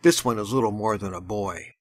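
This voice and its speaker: A man's voice: lowish voice, a little fast, lightly acted. A reader voicing a grim young man bent on revenge, speaking sternly.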